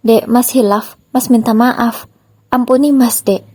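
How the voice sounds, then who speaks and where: A woman's voice: fairly high pitch, steady tone, a little slow, husky, no room sound. A woman voicing a remorseful pleading husband. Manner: soft pleading, apologetic. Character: remorseful young husband pleading with his wife. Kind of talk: storytelling with voiced dialogue.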